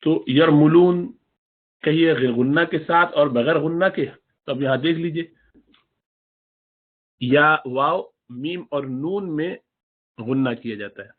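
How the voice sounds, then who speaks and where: A man teaching a Quran recitation lesson, explaining the rules and slowly reciting and stretching out example words. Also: on the high side. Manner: drawn-out demonstrative recitation of examples. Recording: tinny phone-like audio.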